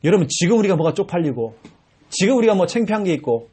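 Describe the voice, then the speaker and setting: A man in his forties preaches to a church congregation. His voice is husky and sits fairly high, and it swings widely in pitch as he acts out pleading cries. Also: fast talker. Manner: animated preaching with acted-out shouts. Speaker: pastor. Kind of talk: sermon.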